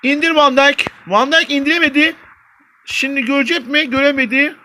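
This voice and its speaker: Young guy yelling over his football game, high voice, stretches names out, mutters when it goes wrong. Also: fairly even intonation, normal speed. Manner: shouts and stretches player names when attacks build, mutters when things go wrong. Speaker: gaming YouTuber. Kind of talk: excited mobile football gameplay commentary. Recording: faint game music behind.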